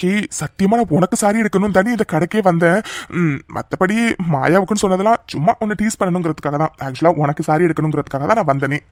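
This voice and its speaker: A man voicing a doting young man in a cartoon love story, teasing and then gently comforting his crying sweetheart. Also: high-pitched, fast, no echo, lightly acted. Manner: coaxing, affectionate and teasing. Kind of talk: cartoon voice acting.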